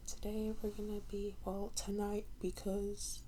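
Young woman doing a chatty solo podcast, slow and slangy, soft mellow voice, bit of room noise. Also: mid-range voice, monotone. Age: early 20s. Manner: informal, slangy, rambling. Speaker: podcast host. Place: on a bed at home, late at night. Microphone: standalone mic set at a distance. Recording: faint background noise, mic not close.

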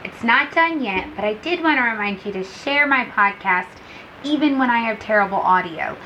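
A chatty woman hosting a podcast, talking in a relaxed, slangy way. Her voice is high and very bright. It comes through a poor-quality recording with a faint hiss behind it. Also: moderate pace. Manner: chatty, slangy, says "dude" a lot. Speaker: podcast host. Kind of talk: casual podcast chat.

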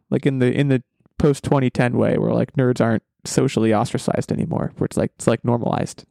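Male podcast host, mid-pitched gravelly voice, dry close sound, casual chat, opinionated, emphatic. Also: mellow, no echo. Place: basement room at home.

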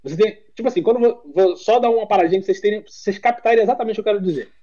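Speaking very fast on a muffled recording, a Brazilian man with a high-sitting voice and Brazilian Portuguese accent chats casually as a podcast guest. He's a blunt, animated storyteller who curses freely.

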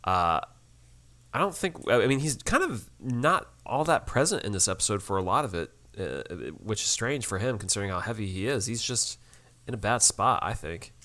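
Male podcast co-host, easygoing, laid-back episode recap, lowish voice, laughs easily. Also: expressive, moderate pace, pushed and bright. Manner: easygoing, says "man" a lot, laughs. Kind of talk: casual chat recapping a TV episode.

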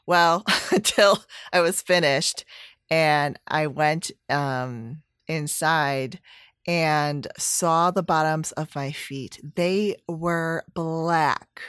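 A woman's voice: low voice, very slow, fairly bright tone, clean tone, no echo, clean studio sound. A woman chatting casually about a home project, rambling with fillers and self-corrections. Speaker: DIY vlogger. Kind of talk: casual chat.

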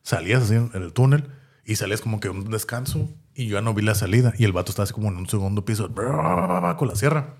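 Fast-talking man telling a story. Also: lowish voice, breathy edge. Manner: animated, laughing anecdote-telling with voiced impressions. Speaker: podcast co-host. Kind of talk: casual storytelling chat.

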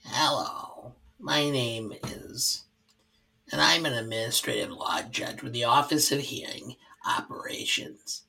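A monotone judge with a put-on Brooklyn accent, impersonated by a man, reciting procedure. He speaks slowly and very quietly, almost in a breathy whisper. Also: mid-range voice, recorded from a distance, exaggerated voice, low-quality recording. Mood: droning. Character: droning, monotone male judge reading procedure.

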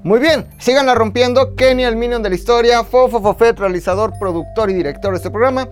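Playful Mexican podcast host. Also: male voice, very high voice, a little fast, faint music behind. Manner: playful, slangy, theatrical. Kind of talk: joking podcast chat.

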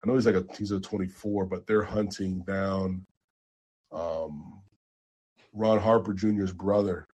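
A man co-hosting a podcast, chatting casually about basketball transfers with animated jumps in excitement. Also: low voice, a little slow, breathy edge. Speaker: podcast co-host. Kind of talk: casual sports chat.

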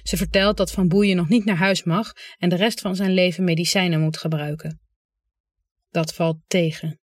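An audiobook reader giving calm, understated first-person literary narration. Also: medium pitch, moderate pace, no echo, studio quality.

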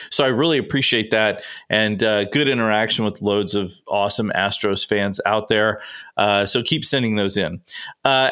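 A sports writer hosts his podcast alone, rambling through casual sports talk and interrupting himself as he goes. He's a bit congested and sniffles now and then, and his mid-range voice has a slightly bright edge.

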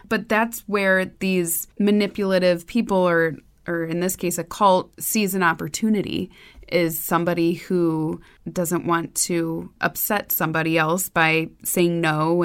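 A woman with a lowish voice hosting a podcast interview. She talks things through in a reflective, casual way and laughs easily. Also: a bit bright. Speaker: podcast host.

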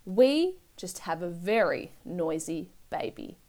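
A woman reading the lines of a polite young mother in a storybook, calm and matter-of-fact. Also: lowish voice, takes it slowly, pitched below the performer's own voice, full character voice.

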